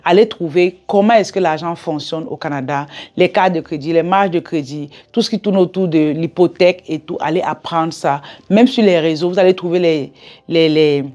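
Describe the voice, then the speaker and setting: A business coach and video host with an African French accent gives advice directly to her viewers in a vlog, speaking emphatically and instructively. Her voice is fairly low and dark, at a moderate pace, and the audio is dull. She often asks rhetorical questions and checks in with her audience.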